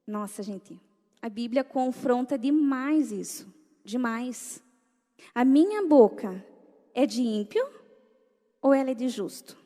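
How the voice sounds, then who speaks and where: Woman giving a church talk, high voice, lots of questions to the crowd, big hall reverb. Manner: animated, rhetorical questions to the audience. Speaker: speaker at a church gathering.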